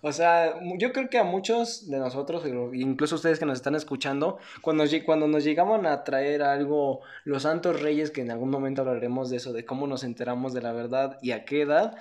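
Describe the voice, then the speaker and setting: A man's voice: fairly high pitch, fairly quick, hardly any pauses, a little mellow. A man co-hosting a podcast, joking in crude casual banter. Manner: jokey, acts out quotes, crude banter. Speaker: podcast co-host. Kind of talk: casual chat.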